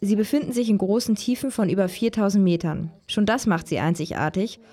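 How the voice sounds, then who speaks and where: Female voice-over artist. Average pitch, reading translated expert statements from a script. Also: fairly quick, mellow.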